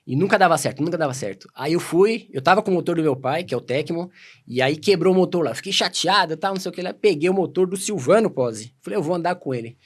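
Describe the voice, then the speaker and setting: A Brazilian man telling stories as a podcast guest, casual and animated, acting out quoted dialogue. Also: on the high side. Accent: Brazilian Portuguese. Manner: animated, quick anecdotes full of quoted dialogue. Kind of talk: casual storytelling.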